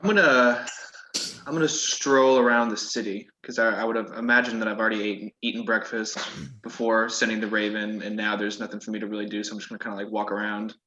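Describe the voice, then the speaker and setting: A man's voice: fairly low pitch, flat delivery, fast, pushed and bright, dull audio. A man talking casually as a player in a tabletop game. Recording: echoey room with faint noise.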